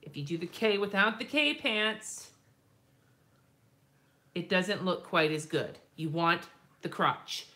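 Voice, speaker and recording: Low-voiced woman chatting while drawing. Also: slow, pauses often, pushed and bright. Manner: rambling, chatty, swears freely, laughs often. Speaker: lettering artist and live-stream host. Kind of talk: casual live-stream chat while drawing.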